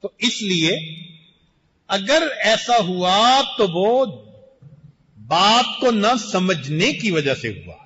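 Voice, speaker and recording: A man's voice: high voice, sing-song, fairly bright tone, slight background noise. Older man preaching in a reverberant hall. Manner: measured, deliberate preaching with slow emphatic phrases. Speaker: Sufi sheikh preaching. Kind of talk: sermon. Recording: muffled recording in a reverberant hall.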